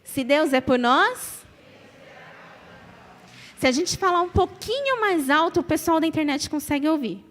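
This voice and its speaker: With a high, fairly bright voice and lively intonation, a Brazilian woman in her thirties preaches emphatically at a measured pace, leaving long pauses. Speaking with a Brazilian Portuguese accent, she repeats phrases and calls on the congregation to answer, all within a reverberant church hall.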